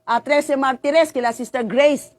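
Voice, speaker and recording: An impassioned woman preacher delivers a sermon in a very high voice, recorded close and dry. She presses her points with repeated rhetorical questions and folds stories into her exhortation. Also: a little slow, no echo. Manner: mixes storytelling with exhortation.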